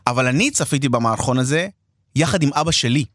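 A man, co-hosting a casual chat and telling animated stories. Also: medium pitch, no echo, clean studio sound. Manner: animated storyteller, quotes people in raised voices. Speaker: podcast co-host.

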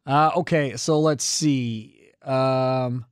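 A man's voice: mid-range voice, fairly even intonation, drawn-out words, clean tone, no echo. A man hosting casual sports radio on a studio microphone, with a blunt, teasing way of talking. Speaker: radio show host.

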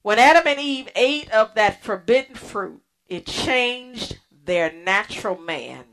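A woman hosting a radio ministry program, preaching in a slow, earnest way with pauses and restarts. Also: mid-range voice, a bit bright. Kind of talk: sermon.

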